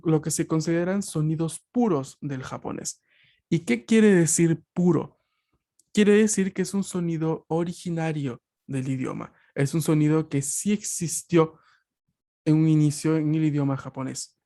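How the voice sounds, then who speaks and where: A man's voice: on the high side, moderate pace, a little mellow. A male teacher with a slightly raised voice walks students through an online lesson, patient and methodical. He explains step by step over a video call and keeps checking that everyone follows. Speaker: language teacher. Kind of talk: online class lecture.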